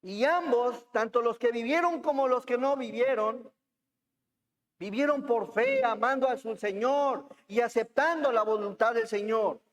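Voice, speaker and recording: A man's voice: extremely high pitch, measured pace, dull audio. A man preaching a sermon, reading scripture and asking the congregation questions. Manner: asks the congregation questions, reads scripture aloud. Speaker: pastor. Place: church hall. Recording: long hall reverb in church.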